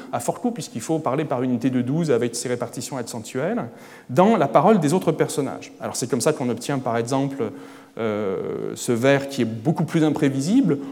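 A man giving an academic lecture at a conference, erudite and hesitant, often pausing on filler sounds. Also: fairly high pitch, darkish tone, big-room sound. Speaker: conference speaker. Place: conference hall.

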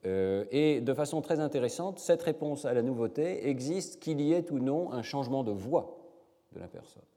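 A man giving a measured academic lecture with slides, pausing often with fillers. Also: mid-range voice, animated, warm tone, big-room sound. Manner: measured, many hesitations.

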